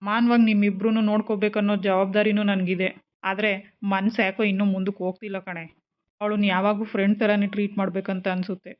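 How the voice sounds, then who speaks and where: An actress playing a teasing husband torn between two wives, with a quick, teasing way of talking. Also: female voice, medium pitch, little pitch movement, lightly acted. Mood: troubled. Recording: dull lo-fi sound.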